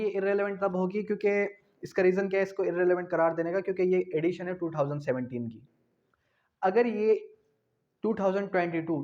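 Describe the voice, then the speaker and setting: Speaking with a Pakistani accent, a man delivers an explanatory law lecture in a fairly high, darkish voice. He often repeats his points and answers his own questions, and the recording sounds dull and lo-fi.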